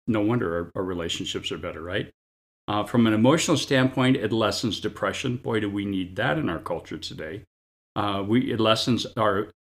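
Man preaching a lively sermon. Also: on the low side. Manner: lively, joking and conversational with asides to listeners. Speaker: pastor.

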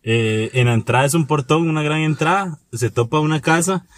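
A man's voice: on the high side, fairly quick, no echo. A young man, co-hosting a casual podcast, teasing and bursting into laughter. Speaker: podcast co-host. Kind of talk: casual chat with playful acting.

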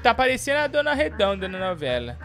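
A man hosting a live stream, teasing callers and his co-host with mock-whiny bits and sudden shouts. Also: high voice, wildly swooping pitch, fast talker, faint music behind. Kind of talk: joking live-stream chat.

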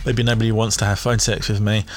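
A man's voice: fairly low pitch, level tone, quick pace, faint music behind. A man hosting a podcast, chatting in a cheeky, gossipy way and laughing at his own jokes. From England. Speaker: podcast host. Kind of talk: casual comedic commentary.

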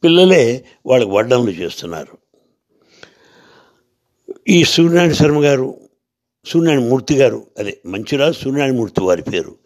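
A man's voice: medium pitch, big pitch swings, moderate pace, pauses often, darkish tone. A man telling a devotional story, asking rhetorical questions and answering them himself.

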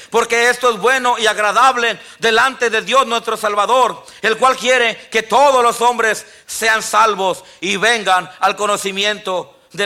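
High, bright-voiced pastor preaching. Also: male voice. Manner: preaching with frequent "amén, hermanos" and quoted scripture. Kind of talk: sermon. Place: church sanctuary.

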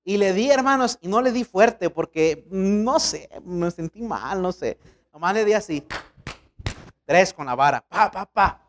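A man's voice: high-pitched, animated, a little slow. A man, a pastor preaching a sermon in a colloquial, storytelling way.

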